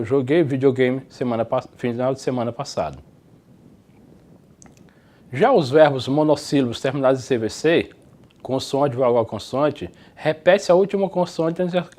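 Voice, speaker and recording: In a recorded distance-learning lecture, a man with a Brazilian Portuguese accent teaches English grammar, explaining the rules step by step. He reads example sentences slowly and clearly in a medium-pitched, slightly mellow voice.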